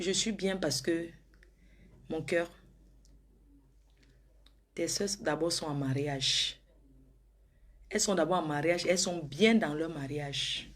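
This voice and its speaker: Playful woman, theatrical. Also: deep voice. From Africa. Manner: playful, theatrical, swings from sweet coaxing to loud outbursts. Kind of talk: comedic sketch monologue to an unseen lover.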